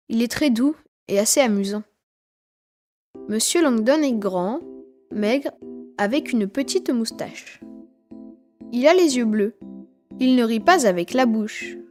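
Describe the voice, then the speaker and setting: A woman's voice: a little high, darkish tone. A woman reading a children's story aloud for language learners, telling it expressively in the voice of a twelve-year-old boy. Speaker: reader.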